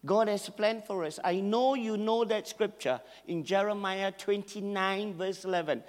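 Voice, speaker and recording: A man with a Malaysian English accent, originally from Malaysia, preaching as a guest in church, excitable and over the top with frequent laughter. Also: high-pitched, moderate pace. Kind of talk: sermon. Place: church hall. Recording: echoey church hall with long reverb.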